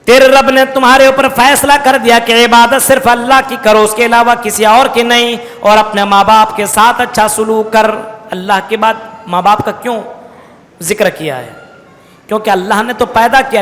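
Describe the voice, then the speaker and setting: A high-pitched male preacher giving a Quran commentary, his voice carrying a long echo through a mosque hall. He recites verses slowly, then explains them to his listeners, calling them his brothers. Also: a bit bright. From India. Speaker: Islamic preacher.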